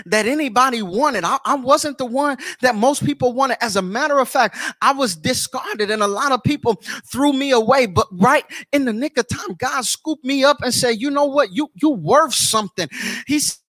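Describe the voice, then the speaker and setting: High, bright-voiced preacher man. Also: normal speed, no echo. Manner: repetitive, rhythmic preaching with call-outs to the congregation. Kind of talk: sermon. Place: church.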